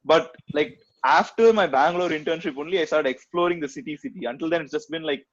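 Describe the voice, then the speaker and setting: A man's voice: fairly high pitch, fast, muffled recording. A man in his twenties from Chennai with a Tamil accent in his Indian English, chatting casually as a podcast host. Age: 20s.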